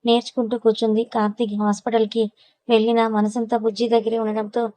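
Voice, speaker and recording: A woman's voice: on the high side, flat delivery, quick pace, dark tone, dry recording, poor audio. A woman narrating a serialized audiobook story with a Telugu accent, reading every character's lines with little change of voice.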